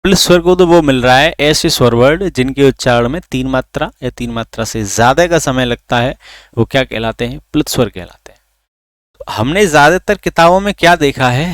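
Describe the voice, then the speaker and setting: मुलायम साफ़ आवाज़ में पढ़ाता आदमी. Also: male voice, mid-range voice, no room sound, studio quality. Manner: asks questions then answers them himself; drags out vowels to demonstrate. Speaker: teacher. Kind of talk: recorded online lesson.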